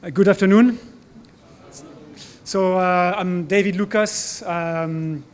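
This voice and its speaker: A French man speaks at a conference hall as a corporate speaker, giving a business presentation with a French accent. His voice is high and steady, he takes it slowly, and he sounds hesitant, with many fillers and restarts.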